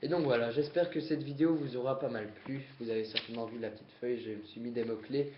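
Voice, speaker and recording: A young man talking to his viewers on camera for the first time, nervous and rushed, with many fillers and self-corrections. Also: medium pitch, steady tone, noisy background. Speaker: gaming YouTuber. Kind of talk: face-cam vlog talk. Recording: dull roomy home recording.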